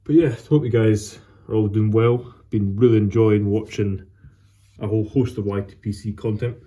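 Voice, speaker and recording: A man hosts a relaxed solo vlog in a very dark, mellow voice. His pitch sits a little low. He chats casually and rambles along, often halting as he gathers his words. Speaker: host of a pipe tobacco vlog. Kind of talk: casual solo chat to camera.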